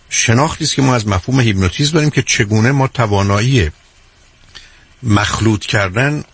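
A man's voice: medium pitch, fairly bright tone, breathy edge, no echo. A man speaking as a hypnotherapist guest in an interview, explaining his points carefully with worked examples in a lecturing way.

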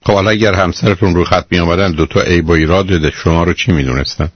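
A man hosts a call-in advice show, lecturing a caller bluntly and calling her "dear," and it comes through as a muffled radio broadcast. His voice is low and husky with a steady tone.

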